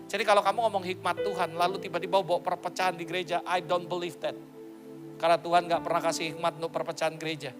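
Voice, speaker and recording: A male pastor preaching a sermon in a playful, joking way, slipping English phrases into his talk. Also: on the high side.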